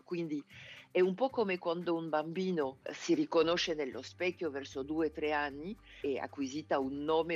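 A man's voice: a little high, slightly rough, lo-fi sound. A native French-speaking man with a French accent, explaining things in an interview in approximate Italian, often searching for words. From France. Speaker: interview guest, tarot expert.

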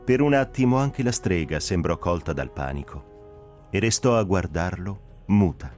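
A man reading a story aloud as narrator, with expressive, dramatic delivery. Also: deep voice, measured pace, soft background music. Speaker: narrator reader.

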